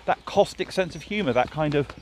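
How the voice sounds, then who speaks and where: A television drama writer chats casually and thoughtfully outdoors by a road, with plenty of fillers and restarts. His voice sits on the high side, animated, a little fast and slightly mellow. Faint street noise and passing traffic are audible.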